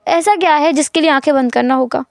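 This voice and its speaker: A woman's voice: sits high, quick pace, no echo, clean studio sound. A woman voicing a shy, easily embarrassed young man in a storytelling fan fiction, stammering and protesting. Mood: flustered.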